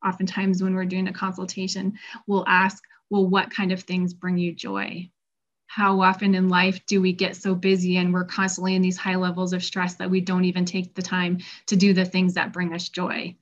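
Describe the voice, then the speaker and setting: Her low-leaning voice stays monotone at a moderate pace while she, a middle-aged health practitioner, chats with patients about stress and loses her voice. It's an informal health presentation in Colorado where she acts out patient quotes, captured in dull lo-fi audio.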